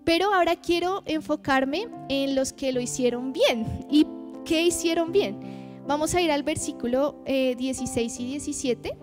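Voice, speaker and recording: Brief: young woman, high voice, informal sermon over steady background music, self-deprecating and chatty. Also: measured pace. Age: 20s. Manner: chatty, self-deprecating, asks the audience rhetorical questions. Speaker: guest youth leader preaching. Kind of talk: testimony sermon.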